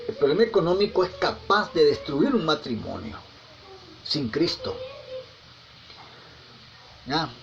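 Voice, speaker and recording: A man preaching in a gravelly, fairly high voice, telling folksy anecdotes and dropping tag questions as he goes. He often repeats and restarts his words. The recording is a little dull and lo-fi, with faint ambience behind him. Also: slight background noise. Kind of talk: conversational sermon.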